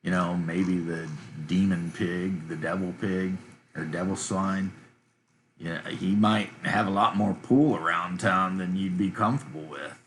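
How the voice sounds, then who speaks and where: Low-voiced man rambling over a map. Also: a little slow, slight background noise. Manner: relaxed, rambling, thinking aloud. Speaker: map-making streamer for tabletop games. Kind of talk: casual commentary while drawing a map.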